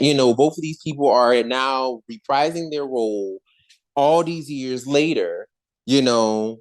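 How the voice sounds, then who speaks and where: Woman podcast host, casual gossip, slangy, very expressive pitch, slow easy delivery. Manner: animated, slangy, laughs often.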